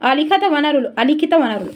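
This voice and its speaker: A woman teacher giving a brisk, chatty exam revision lesson and turning aside to talk to viewers. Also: sits high, expressive, slight background noise.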